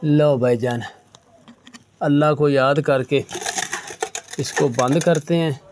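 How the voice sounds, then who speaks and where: A man's voice: on the high side, fairly even intonation, slow, noisy background. A man with a Punjabi-influenced Urdu accent, giving a casual hands-on herbal remedy demonstration and addressing viewers as brother. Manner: casual, keeps saying "lo ji" and "bhaijaan". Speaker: herbal medicine practitioner.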